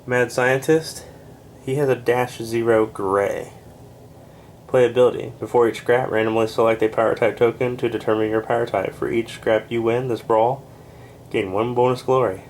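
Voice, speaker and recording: A man with a stuffed-up voice works through a deck of game cards, reading each one's text in a plain, unhurried way. He adds casual asides with fillers and is a little short of breath. A faint hiss sits behind him. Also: mid-range voice, fairly even intonation, a little mellow. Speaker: board game reviewer.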